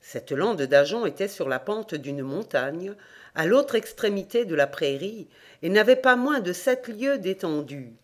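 A man narrating folk legends for a volunteer audiobook, measured and steady. His storytelling moves at an even, unhurried clip, clear and plain, close to a home microphone. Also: sits high. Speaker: audiobook reader. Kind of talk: scripted narration of folk tales. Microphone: home recording mic.

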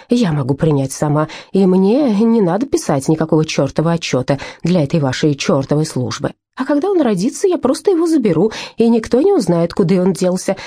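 Woman reader doing a crude, scolding middle-aged mother; low, husky, dry audiobook read. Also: warm tone, dry recording. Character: coarse, scheming working-class mother, middle-aged. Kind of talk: audiobook character voice.

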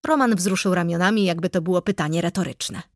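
A woman reading a first-person audiobook in a measured, wry storytelling manner. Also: lowish voice, no echo. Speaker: audiobook narrator. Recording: dry close studio sound.

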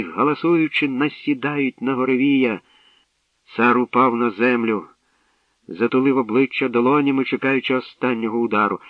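A man narrating a novel in a steady, measured reading. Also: medium pitch, no room sound. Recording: tinny lo-fi radio recording, distant.

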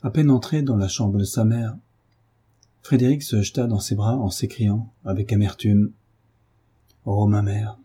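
Dark, husky male audiobook narrator. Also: lowish voice. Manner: measured, literary storytelling. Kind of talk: scripted narration of a 19th-century novel.

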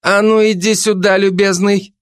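A man voicing a brash, domineering female police investigator with a loud, scolding manner in an audiobook. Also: high-pitched, little pitch movement, moderate pace, clean tone, no echo, studio quality, voice pushed up, lightly acted. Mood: aggressive. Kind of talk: audiobook character voice.

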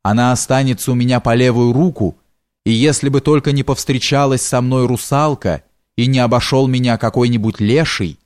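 A man's voice: mid-range voice, steady tone, normal speed, a little mellow, clean tone, no echo, clean studio sound, natural voice. A man voicing a stammering frightened servant. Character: frightened superstitious male servant.

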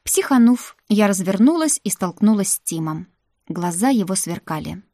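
A woman narrating a fantasy novel in the first person, with lively, wry storytelling. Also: medium pitch, moderate pace, no room sound, clean studio sound. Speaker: audiobook narrator.

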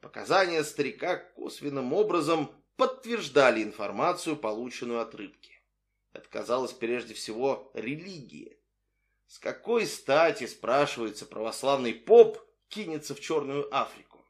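A man reading a novel aloud in expressive storytelling narration. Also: medium pitch, moderate pace. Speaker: audiobook narrator. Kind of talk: scripted narration.

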